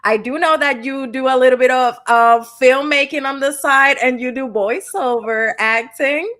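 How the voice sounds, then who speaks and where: A woman hosts an online interview show from a video call. Her voice is a little high, and she talks in an upbeat, effusive way, full of praise for her guest. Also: moderate pace, pushed and bright. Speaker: host and company founder.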